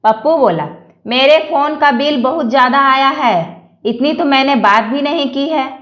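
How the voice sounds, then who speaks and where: A woman reading a string of jokes aloud, one after another, in an even manner. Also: high-pitched, normal speed, reverberant, dull audio. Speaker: joke reader.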